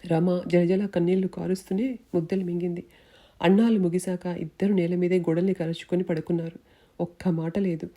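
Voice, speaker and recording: A woman narrating a novel in a steady, measured reading voice. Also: on the low side. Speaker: audiobook narrator. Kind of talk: storytelling narration.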